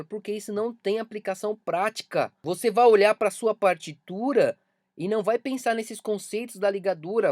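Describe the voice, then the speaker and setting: A man with a Brazilian Portuguese accent teaches music online, speaking emphatically and repeating the key points so they stick. His voice is high-pitched with a darkish tone, recorded at studio quality with no room sound.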